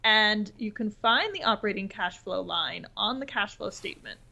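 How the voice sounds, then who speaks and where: A woman's voice: mid-range voice, expressive, moderate pace, gravelly, bright, forceful tone. A young woman co-hosting a podcast, teasing and playful as she learns about investing. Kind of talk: casual podcast chat.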